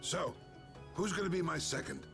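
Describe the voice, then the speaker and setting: A man playing a gruff, stoic old guild boss in a video game, speaking with blunt, folksy authority. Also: sits high, moderate pace. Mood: wry, defiant. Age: older. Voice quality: gruff, gravelly. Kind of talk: dramatic video game dialogue. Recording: game audio with loud music.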